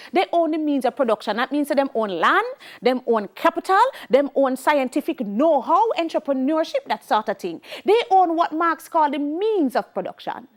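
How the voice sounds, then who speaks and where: A woman's voice: sits high, sing-song, moderate pace. A middle-aged woman with a Jamaican accent teaching a televised sociology lesson, emphatic and repeating key points, slipping into Creole phrases.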